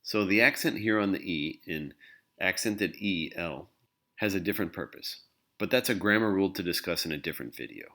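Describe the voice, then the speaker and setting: Male language teacher, very low voice, patient scripted explainer. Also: brisk, sharp tone. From English-speaking country. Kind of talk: scripted instructional narration.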